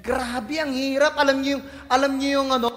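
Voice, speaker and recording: A male pastor from the Philippines, preaching a lively sermon full of jokes and playful voices. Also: extremely high pitch, a little fast. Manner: animated, joking, playful voices and shouts, mixes English in. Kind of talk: lively sermon with comic asides. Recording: church hall reverb.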